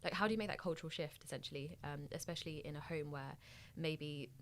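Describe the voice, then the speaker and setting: A woman's voice: low-pitched, fast, fairly bright tone, a little hiss or hum. A young woman from Bangladesh co-hosting a podcast, talking in a thoughtful, reflective way and searching for her words. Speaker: podcast co-host. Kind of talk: casual podcast conversation.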